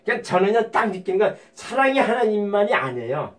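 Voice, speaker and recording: A man's voice: high-pitched, sing-song, a little fast. A man giving an informal sermon in a blunt, profane way, with sudden emphatic outbursts. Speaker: lay preacher.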